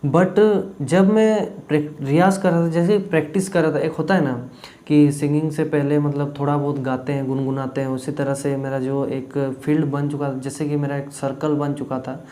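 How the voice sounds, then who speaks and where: A young man from Jharkhand, India, a YouTube vlogger, rambles to camera about an audition, full of fillers. His voice sits a little high with fairly even intonation, a moderate pace and a warm tone.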